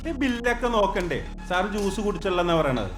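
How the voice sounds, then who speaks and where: Sly mocking shop owner, fake polite, faint music under it. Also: male voice, high-pitched, big pitch swings, brisk. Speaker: restaurant owner. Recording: film soundtrack with faint music.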